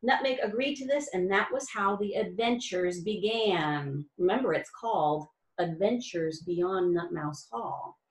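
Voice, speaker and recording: A woman's voice: medium pitch, measured pace, few pauses. A woman reading a children's chapter book aloud, stopping now and then to explain words in simple terms. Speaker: reader. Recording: roomy echo.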